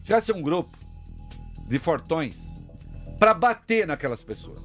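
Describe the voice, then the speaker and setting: A combative man from Brazil delivers talk radio commentary, his pitch leaping around as he mocks and scolds. He drops to grumbling asides and then bursts out loud. A faint music bed sits behind him. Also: very animated, measured pace.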